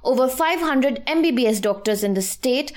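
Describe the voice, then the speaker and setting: A woman with an Indian English accent presenting scripted news in a measured, formal and articulate manner. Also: sits high, animated.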